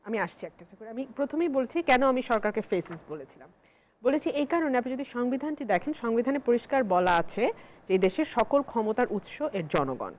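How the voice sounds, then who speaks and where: Woman from Bangladesh, TV debate panelist, lawyerly and argumentative, high and very expressive voice. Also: a little fast, a little hiss or hum, poor audio. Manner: argumentative, lawyerly, builds points with emphasis. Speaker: barrister and political panelist. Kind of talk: televised political debate.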